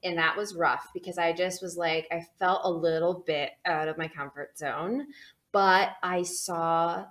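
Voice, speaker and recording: A woman's voice: lowish voice, fairly even intonation, a little slow, a bit bright. A woman hosting a casual interview. She is chatty and laughs often. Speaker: podcast host.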